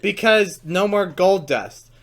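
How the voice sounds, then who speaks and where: A man's voice: sits high, expressive, slow pace. A man co-hosting a casual movie reaction, explaining the plot with sarcastic asides. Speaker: reaction video co-host.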